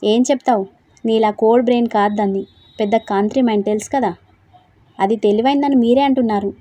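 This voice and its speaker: A woman's voice: a little high, fairly even intonation, fast, mellow, no echo, close to an everyday voice. A woman voicing a fiery, hurt young wife. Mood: resolute.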